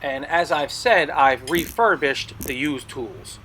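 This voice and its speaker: Bright-voiced man presenting items. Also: a little high, takes it slowly, a little hiss or hum, low-quality recording. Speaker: blacksmith video host selling tools. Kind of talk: product showcase narration.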